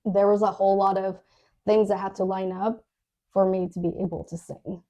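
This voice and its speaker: Speaking at a moderate pace with a flat delivery, this woman has a dark, mid-range voice. As a podcast co-host, she recounts her story casually and hesitantly, with lots of fillers, restarts and frequent laughter.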